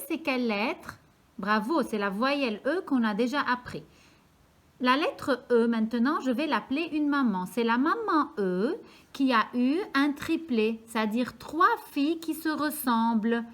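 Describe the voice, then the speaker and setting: Slow, careful woman teaching little children. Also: high-pitched. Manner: slow, clear, repeats each word for pupils to follow. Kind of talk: slow, careful classroom lesson for young children.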